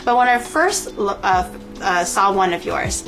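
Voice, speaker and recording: A woman streamer chatting casually and swearing, telling things in an animated, gushing way. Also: medium pitch, measured pace, soft background music, poor audio. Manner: animated, gushing, hedging storyteller.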